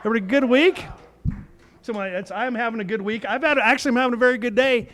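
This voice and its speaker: A man with a high voice emceeing a comedy club night, speaking into a stage mic. His stand-up patter is loose and rambling, full of quick asides to the crowd. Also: a bit bright. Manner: rambling, loose audience banter. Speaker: host comedian.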